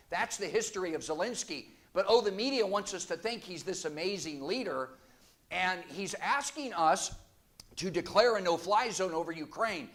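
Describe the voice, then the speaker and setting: High-voiced man preaching with force. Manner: forceful, sarcastic asides. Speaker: guest preacher. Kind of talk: sermon. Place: church.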